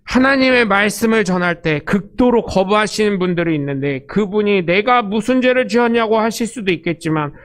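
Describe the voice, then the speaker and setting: A male pastor delivers a sermon in a lively storytelling way, acting out the lines of the people in his stories. His voice sits fairly high for a man. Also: a little fast, hardly any pauses, clean tone. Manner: storytelling, animated, acts out quotes.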